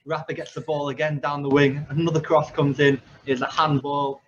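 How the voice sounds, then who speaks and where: A man's voice: on the high side, level tone, normal speed, lo-fi sound, a little hiss or hum. A man in his twenties, a football coach hosting a podcast, telling stories in a rambling casual way with many fillers. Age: 20s.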